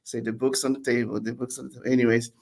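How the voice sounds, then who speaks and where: A man in his forties from Brazil, a podcast guest telling his story in a relaxed, chatty way with frequent restarts and laughs. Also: medium pitch, very fast, creaky. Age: 40s. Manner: warm, laughing, many restarts and repeated words. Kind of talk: casual storytelling interview.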